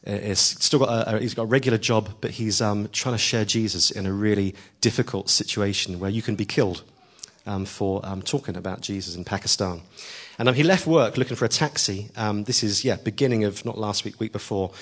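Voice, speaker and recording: A man's voice: fairly low pitch, brisk. A man preaching a sermon, earnest and emphatic, pushing his voice up on key lines, with frequent ums as he tells a story.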